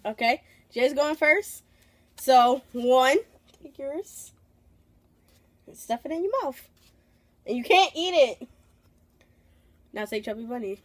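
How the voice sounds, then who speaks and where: A woman's voice: high-pitched, slow pace, pauses often. A woman hosting a challenge video with casual, playful chat to the camera.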